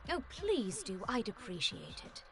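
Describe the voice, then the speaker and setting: A woman's voice: mid-range voice, wildly swooping pitch, measured pace. A woman voicing a blunt, haughty, short-tempered young mistress in an anime game. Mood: matter-of-fact. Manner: blunt, snappish. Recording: music behind the voice.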